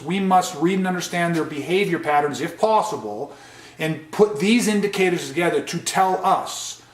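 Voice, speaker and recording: A man's voice: on the high side, roomy sound. A man teaching a de-escalation training session, speaking earnestly and stressing key points. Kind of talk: training lecture.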